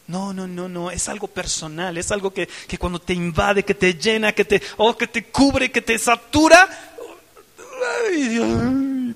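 A man's voice: sits high, gravelly, in a large hall. A male preacher giving a dramatic sermon, acting out tearful and joyful prayer. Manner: animated, dramatic, acts out crying and joyful prayer.

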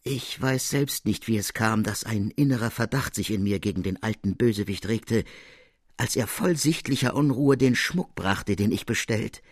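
A man voicing a proud, soldierly male count with a husky voice, speaking in a measured, courtly and emphatic way. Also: fairly low pitch, dry recording, clean studio sound. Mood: earnest.

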